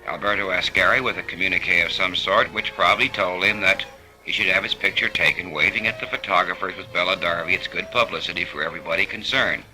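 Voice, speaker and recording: A man narrating race footage on an old 1950s film soundtrack, relaxed and dropping wry asides. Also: low-pitched, fast talker, faint music behind. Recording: hissy, noisy vintage film recording.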